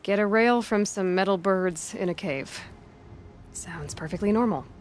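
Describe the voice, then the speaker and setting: A woman's voice: medium pitch, unhurried, a little hiss or hum, natural voice. A woman playing a practical young wanderer in a video game, with a wry, matter-of-fact manner. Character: dry-witted, practical young female wanderer with a spear. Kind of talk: video game character dialogue.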